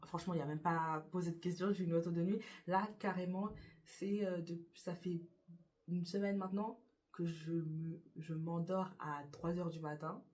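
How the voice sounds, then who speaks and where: A young adult YouTuber in her bedroom by a window answers get-to-know-me questions casually for her vlog. Her voice is on the low side, steady and darkish, at a moderate pace, and she hesitates often, using many fillers and restarts.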